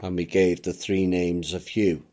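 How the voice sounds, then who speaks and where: A man giving a reflective spoken monologue as a channel narrator, measured and unhurried, with occasional dry asides. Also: deep voice, little pitch movement, dark tone.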